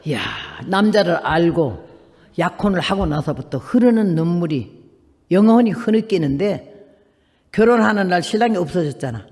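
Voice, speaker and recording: Animated woman in her eighties preaching. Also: normal speed, big-room sound. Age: 80s. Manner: animated storytelling, acting out quoted people with big swings in pitch and loudness. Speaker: missionary preacher. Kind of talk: testimony sermon.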